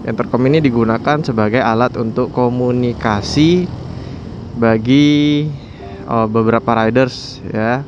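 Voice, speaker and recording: In a casual motovlog, a man addresses his viewers conversationally, explaining things and regularly checking in with them. His mid-range voice is steady and unhurried, but the audio is dull and there's background noise.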